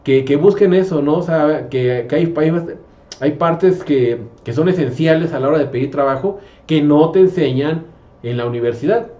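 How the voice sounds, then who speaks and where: A man's voice: fairly high pitch, normal speed, warm tone. A man, a math teacher hosting a casual conversation, rambling with many fillers and restarts. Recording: roomy, slightly dull sound.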